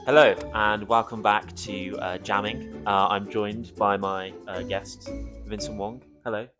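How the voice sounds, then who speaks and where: A man's voice: fairly low pitch, steady tone, unhurried, music in the background. A young man from Cornwall hosting a casual podcast at home, teasing and joking with his guest, full of fillers. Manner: jokey, teasing, chatty with fillers. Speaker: podcast host.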